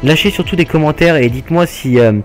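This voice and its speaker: A man casually commenting on his own gameplay, hesitant with many filler pauses and a laid-back, jokey manner. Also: a little high, faint music behind. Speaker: gaming channel host. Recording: game gunfire noise underneath. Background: video game gunfire.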